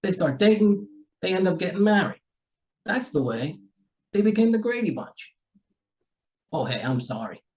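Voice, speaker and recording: Man acting a high-pitched, folksy police sergeant. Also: animated, a little mellow. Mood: affable, probing. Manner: halting, chatty, courteous. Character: folksy, rambling, politely nosy homicide police sergeant. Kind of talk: amateur radio mystery acting.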